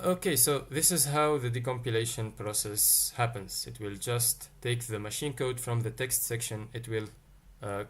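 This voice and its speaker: A Tunisian man teaches a live-streamed coding lesson, thinking out loud and answering chat questions as they arrive. His voice is medium-pitched with a fairly bright tone.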